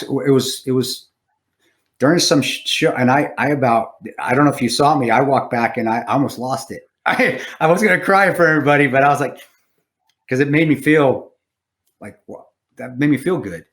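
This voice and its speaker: A man's voice: mid-range voice, brisk. A man hosting a casual interview podcast, telling stories in a profane, rambling way full of restarts. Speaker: podcast host.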